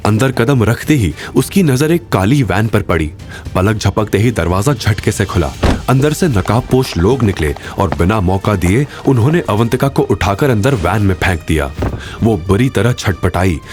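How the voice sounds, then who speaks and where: A man with a lowish voice narrates an audio drama with dramatic, expressive delivery. His pitch moves a lot to build tension, and soft music plays underneath. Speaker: storyteller.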